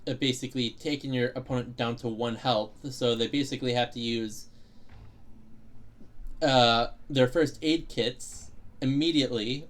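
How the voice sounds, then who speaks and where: A young man streaming a game, explaining its mechanics in a rambling way with lots of fillers and restarts, hiccuping now and then. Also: medium pitch. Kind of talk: casual gameplay commentary.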